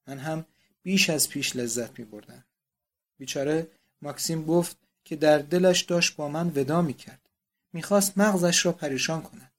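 A man's voice: a little high, lightly acted. A man reading the part of a distraught young countess pleading and confessing to her father.

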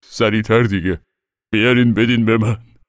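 A man's voice: low voice, vocal fry, dry recording, clean studio sound. A man voicing a sullen middle-aged uncle who grumbles reluctantly. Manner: grudging and reluctant.

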